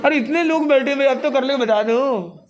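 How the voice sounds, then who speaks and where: A man's voice: very high-pitched, normal speed, lo-fi sound, a faint crowd. A man giving a live motivational talk to an audience, playful and often laughing as he mixes Hindi with English phrases. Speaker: spiritual speaker addressing an audience.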